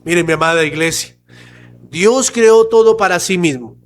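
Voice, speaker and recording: A pastor preaching a sermon to his church, slow and emphatic, asking rhetorical questions. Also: high voice, low-quality recording.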